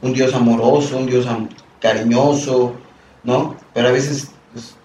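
A man talks in a relaxed group chat, leaning on fillers as he goes. He sits back from the mic, and the room gives his voice a noticeable echo. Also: medium pitch, measured pace, far from the mic, slight background noise. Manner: talkative, fillers like "o sea" and "pues". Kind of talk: casual chat.

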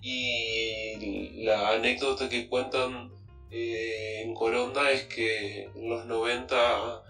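A man's voice: mid-range voice, fairly even intonation, slow pace, gravelly, bright, forceful tone, soft background music. A man telling an anecdote in a recorded clip, his voice distorted to hide who he is. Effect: distorted voice to hide identity. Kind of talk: recorded testimony played on air. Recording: distant, echoey distorted audio clip.

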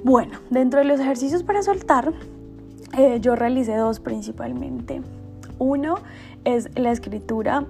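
A woman host speaking in a soothing, unhurried way as she shares self-help guidance. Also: a little high, vocal fry, darkish tone. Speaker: host sharing personal self-help exercises. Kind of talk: soft, slow guided meditation.

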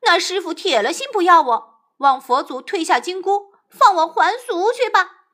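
A woman's voice: sits high, big pitch swings, normal speed, bright, forceful tone, exaggerated voice. Woman doing a bold impatient monkey king. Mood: eager. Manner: raised, eager, pleading.

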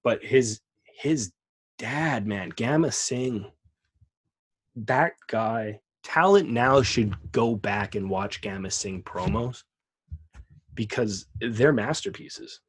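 A man's voice: mid-range voice, slow pace, slightly rough. A man co-hosting a podcast, chatting casually and enthusiastically about wrestling. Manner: enthusiastic, rambling with restarts. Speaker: podcast co-host.

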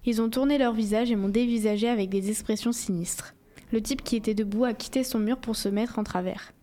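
A woman reading a first-person novel aloud in a steady, measured storytelling voice. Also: a little high. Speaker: audiobook reader.

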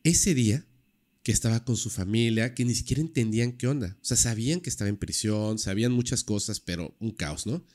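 A man casually telling a true-crime story on a podcast, lively and full of fillers. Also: fairly low pitch, brisk. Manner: animated, acts out quoted dialogue, many fillers.

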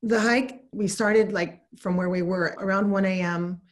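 A woman speaks at a middle pitch with an earnest, emphatic manner. She tells her story as a guest in a casual conversation. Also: fairly even intonation, a little slow. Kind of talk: casual chat.

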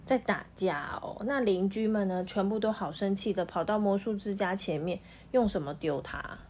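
A woman's voice: mid-range voice, moderate pace, a little hiss or hum. Woman reading a storybook aloud to her child. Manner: lively, questioning the child as she reads.

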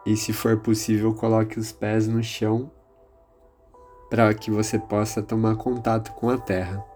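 A man with a Brazilian accent leading a guided meditation in a calm, soothing, measured manner. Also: lowish voice. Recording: music behind the voice. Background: music.

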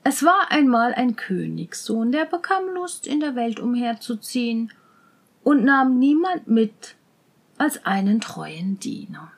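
A woman reading a fairy tale aloud in a measured, gentle manner. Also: sits high, husky. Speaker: storyteller.

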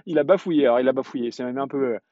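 A man in his thirties or forties telling a personal story in a casual podcast monologue, halting often on fillers and restarts. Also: medium pitch, no room sound, muffled recording. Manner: hesitant, chatty storytelling with many fillers and restarts.

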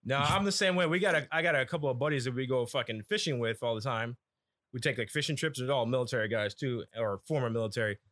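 A man's voice: medium pitch, quick pace, fairly bright tone. A middle-aged man telling rambling, profane stories in casual podcast chat. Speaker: podcast co-host.

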